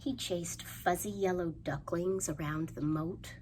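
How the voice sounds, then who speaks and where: A woman presenting a children's storytime, reading aloud in a sing-song, questioning way with playful pauses and hushed asides. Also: lowish voice, steady tone. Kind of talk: animated read-aloud for young children. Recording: faint background noise.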